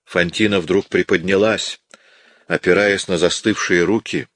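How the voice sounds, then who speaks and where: A man narrating an audiobook in a measured, dramatic reading. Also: deep voice, fairly even intonation, fairly bright tone. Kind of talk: scripted narration.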